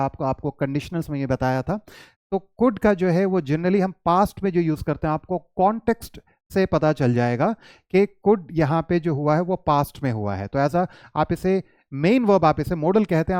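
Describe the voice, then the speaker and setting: A man teaching English grammar, explaining in Hindi and reading English example sentences slowly with stress. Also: on the high side, darkish tone, no echo.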